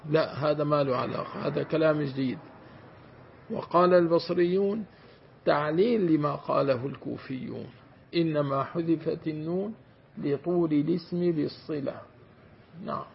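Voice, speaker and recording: A sheikh lectures his students on grammar, drawing out each example word and checking that they understand. His voice is strongly gravelly and sits a little high for a man. The recording is dull and lo-fi, with a faint hiss under it. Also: moderate pace. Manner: stretches out words to demonstrate them, checks that students follow. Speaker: sheikh teaching Quranic commentary.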